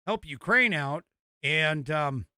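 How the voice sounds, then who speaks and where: A male American talk host with a clear, bright voice in a very dry, close sound. He gives casual political commentary, reading news items and then reacting in a halting, think-aloud way that often trails off. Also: a little high, animated, no room sound.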